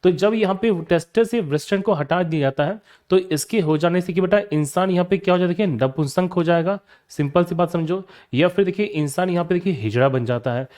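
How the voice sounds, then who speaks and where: Brief: young male teacher, fairly high voice, drills terms through repeated questions. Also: fairly quick, hardly any pauses, darkish tone. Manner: repeats questions and answers them himself; calls students "beta". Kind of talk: classroom lecture.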